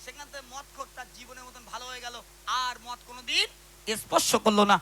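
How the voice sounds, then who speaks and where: A man preaches a story to a live crowd in a very high, bright, piercing voice. He talks fast and animated and keeps calling on listeners to respond. A faint hum sits under him. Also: rough recording. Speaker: ghazal singer and preacher. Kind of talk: storytelling religious talk to a live audience.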